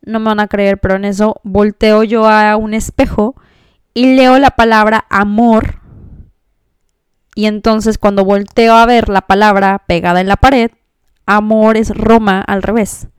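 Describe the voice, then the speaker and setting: A Mexican woman hosting a podcast, telling a personal story in a chatty, expressive way with many fillers. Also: mid-range voice, measured pace, pauses often, clean tone, no room sound. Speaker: podcast host. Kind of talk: casual storytelling monologue.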